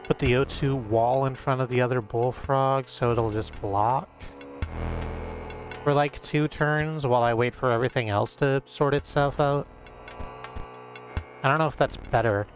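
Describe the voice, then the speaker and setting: A man's voice: mid-range voice, steady tone, measured pace, long pauses. A man giving casual video game commentary, thinking aloud in a rambling way as he plays. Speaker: game streamer. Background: music.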